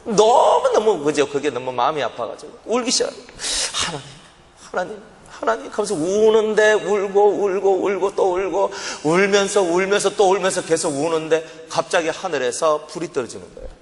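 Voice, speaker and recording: A man's voice: high voice, lively intonation, a little fast, hardly any pauses. A male pastor with a Gyeongsang accent, preaching a sermon as dramatic personal testimony and acting out his old prayers. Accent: Gyeongsang Korean. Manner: dramatic storytelling, acts out his own past prayers and crying. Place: church sanctuary. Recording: long reverb of a church hall.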